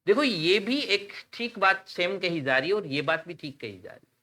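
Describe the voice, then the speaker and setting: A man with an Indian accent teaching English poetry in an exam-prep lesson, explaining slowly and reading poem lines in a drawn-out way. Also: high-pitched, lively intonation, sharp tone. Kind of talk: exam-prep lecture in Hindi mixed with English.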